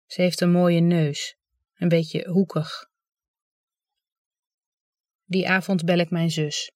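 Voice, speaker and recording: An audiobook reader giving calm, understated first-person literary narration. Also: medium pitch, takes it slowly, no room sound, studio quality.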